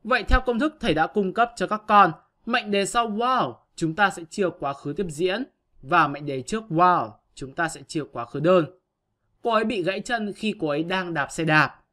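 A man's voice: high voice, bright, forceful tone. A male teacher giving an online grammar lesson, patiently explaining step by step to his pupils.

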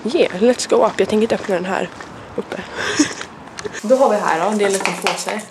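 A woman's voice: mid-range voice, noisy background. Chatty young woman with a stuffy nose. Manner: chatty, rambling, lots of fillers. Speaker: vlogger. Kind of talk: casual vlog chat.

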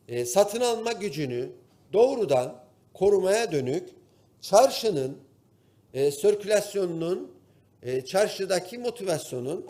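A man with a Turkish Cypriot accent giving a formal speech to parliament from the rostrum microphone, pausing often with drawn-out fillers. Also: high-pitched, warm tone. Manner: formal, addresses colleagues, pauses with drawn-out fillers. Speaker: member of parliament. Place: parliament chamber. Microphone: podium microphone at the parliament rostrum.

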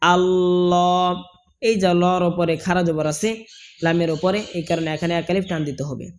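A man with a Bangladeshi Bengali accent teaching correct recitation, explaining each sound and then chanting the phrase slowly and drawn out. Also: a little high, fairly even intonation, a little mellow, a little hiss or hum.

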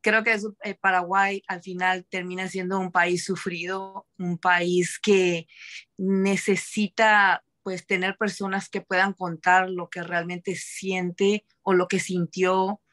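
A woman from Argentina making a comment on a video call, rushing some phrases and slowing for emphasis. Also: fairly low pitch, level tone, a bit bright. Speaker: audience member.

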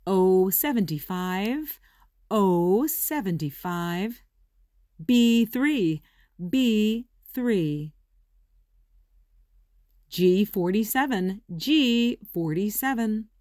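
Very slow-paced woman bingo caller. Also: mid-range voice, a little mellow, no echo, clean studio sound. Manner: measured, deliberate announcing in short separate calls. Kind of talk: bingo calling, each number announced twice.

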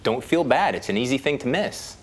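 A man's voice: medium pitch, lively intonation, a little fast. A man in his thirties hosting a sponsored home show, upbeat and chatty, in a living room. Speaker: show host.

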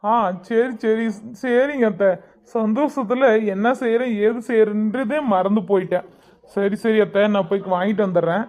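A woman's voice: on the high side, steady tone, normal speed, darkish tone, natural voice. A woman playing an eager, flustered young husband in a homemade family comedy skit, always obliging.

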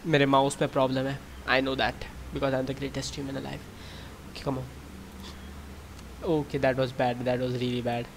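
Excitable young North Indian man, noisy mic. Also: medium pitch, vocal fry. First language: Hindi. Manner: mock-boastful, excitable, repetitive exclamations. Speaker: gaming YouTuber. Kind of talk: casual gameplay commentary mixing Hindi and English.

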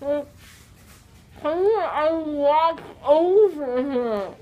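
A woman's voice: sits high, animated, drawn-out words, crowd noise. A dazed, confused young woman, groggy from anesthesia, asking things repeatedly with a gauze-muffled mouth. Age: young adult. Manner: dazed, repetitive questioning. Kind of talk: casual chat. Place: small curtained recovery room indoors. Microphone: phone camera held nearby.

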